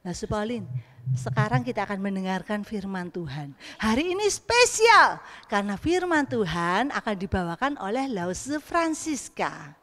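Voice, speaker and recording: A woman leading a children's church service, speaking in a slow, friendly way to the children. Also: mid-range voice, very animated, a bit bright. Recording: faint music behind.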